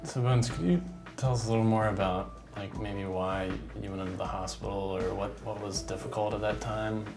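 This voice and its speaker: A man's voice: fairly low pitch, fairly even intonation, moderate pace. A man speaking as an outreach worker in a scripted training role-play, casual and hesitant with fillers. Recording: music bed under speech.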